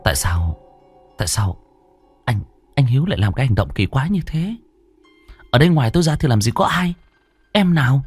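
A man's voice: mid-range voice, lively intonation, brisk, pauses often, darkish tone, faint music behind. A man narrating a ghost story in a dramatic, suspenseful way.

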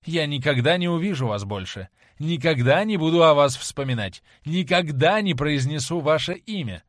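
A man's voice: fairly high pitch, lively intonation, moderate pace, no echo, studio quality, natural voice. A man reading as a scornful young man in a rage. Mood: scornful, furious. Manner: loud, bitter, accusing outbursts. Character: proud young man, cruel and scornful in anger. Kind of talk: audiobook character reading.

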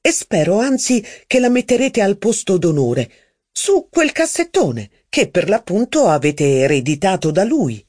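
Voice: mid-range voice, very animated, a little slow, darkish tone, no room sound, clean studio sound, pitched above the performer's own voice. A reader voicing a young, ambitious upstart man who scolds with insistent exclamations, in a raised voice. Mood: reproachful.

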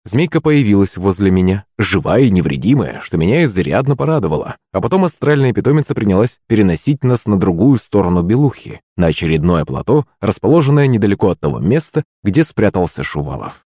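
A man with a fairly low voice narrates an audiobook in the first person. He reads at a steady, even pace. The sound is close and dry, with no room reverb. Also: brisk, hardly any pauses, husky.

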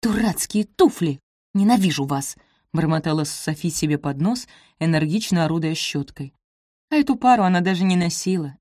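Female audiobook narrator, lower register, measured delivery, dry studio sound. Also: lively intonation, a little mellow, dry recording. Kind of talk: scripted narration.

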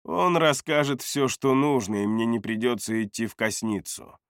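A man narrating a first-person fantasy audiobook in a steady, measured manner. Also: medium pitch, no echo, clean studio sound.

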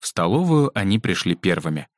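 A man narrating a children's book aloud in an expressive way, giving each character a voice. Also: low-pitched, a little fast, no room sound, clean studio sound. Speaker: audiobook narrator.

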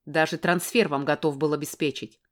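A gruff, short-tempered grown man barks his lines, read by a woman narrator. The voice sits fairly low, clipped and snapping, in an audiobook. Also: steady tone, brisk, natural voice. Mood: angry.

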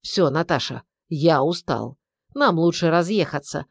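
A woman's voice: low-pitched, animated, measured pace, vocal fry, husky, no room sound, studio quality, full character voice. A woman voicing a sarcastic, irritable middle-aged husband who grumbles. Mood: weary firm.

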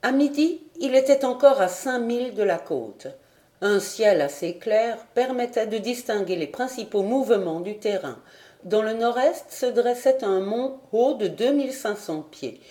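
Mellow-voiced woman reading a novel. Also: a little high, animated. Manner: clear, measured reading. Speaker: audiobook reader. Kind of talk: scripted narration.

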